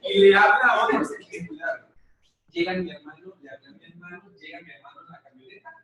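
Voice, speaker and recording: A man's voice: high-pitched, lively intonation, quick pace, background noise. A middle-aged man with a Mexican accent giving a live conference talk, telling jokey stories and checking in with the audience. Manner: joking storyteller who checks in with the audience. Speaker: lecturer on body language. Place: large echoey lecture hall. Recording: echoey hall, voice from far off.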